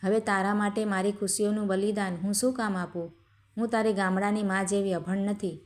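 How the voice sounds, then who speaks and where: A woman's voice: mid-range voice, little pitch movement, brisk, close to an everyday voice. A woman voicing a spoiled, contemptuous young wife from a rich family in a told story. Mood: angry. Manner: contemptuous, sharp-tongued.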